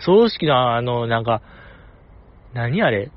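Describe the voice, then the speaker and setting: A man's voice: medium pitch, big pitch swings, slow pace, lo-fi sound. Kansai-accented man, chatty and teasing. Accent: Kansai Japanese. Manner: chatty, jokey, teasing asides. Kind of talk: casual solo radio talk.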